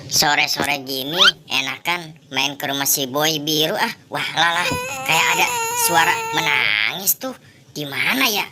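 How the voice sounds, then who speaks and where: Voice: mid-range voice, lively intonation, measured pace, very noisy, close to an everyday voice. A performer voicing a mischievous cartoon clown boy who talks in a chirpy, teasing way. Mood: curious.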